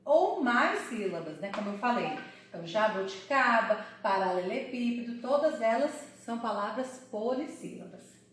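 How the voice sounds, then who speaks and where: A woman teaching a Portuguese lesson for children, sounding out words slowly syllable by syllable. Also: a little high, expressive, a bit bright, very echoey, far from the mic. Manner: slow, syllable-by-syllable explaining.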